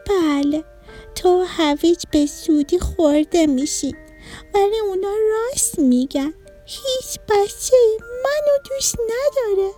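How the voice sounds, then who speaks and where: A woman voicing a shy, sad little broccoli child in a storybook, in a high, small, wavering voice. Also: darkish tone, recorded from a distance, faint music behind.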